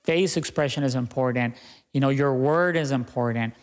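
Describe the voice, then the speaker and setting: A man's voice: mid-range voice, moderate pace, long reverb tail. A young man talking earnestly as a podcast guest, often tagging his points with "right?". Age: young adult. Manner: earnest, repeats "right?" and "you know". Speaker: guest, business owner. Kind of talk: podcast interview.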